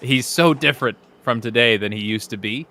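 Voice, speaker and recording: Bright-voiced young man, easygoing guest. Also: medium pitch, a little fast. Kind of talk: casual live chat.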